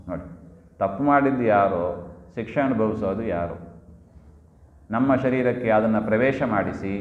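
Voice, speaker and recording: A man giving a devotional discourse, often asking his listeners questions and answering them himself, and now and then chanting Sanskrit verse. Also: medium pitch. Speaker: religious discourse speaker. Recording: echoey hall, dull lo-fi sound.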